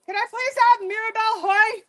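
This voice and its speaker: A woman's voice: extremely high pitch, fairly even intonation, a little fast, a bit bright. A woman presiding over a reenactment court, making informal spoken remarks to a gathering. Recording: clear background noise, live event ambience.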